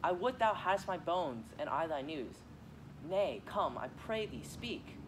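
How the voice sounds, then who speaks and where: A man's voice: fairly high pitch, sing-song, measured pace, background noise. A teenage boy playing an eager, impatient young girl in love in a school Shakespeare reading, pleading and restless. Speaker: student actor.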